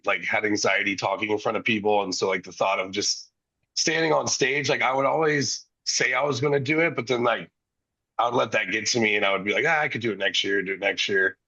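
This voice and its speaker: A male podcast co-host with a bright, husky voice, asking brief questions and nodding along in a casual chat. The sound is dull and lo-fi. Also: on the low side. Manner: asks short questions, many brief acknowledgements.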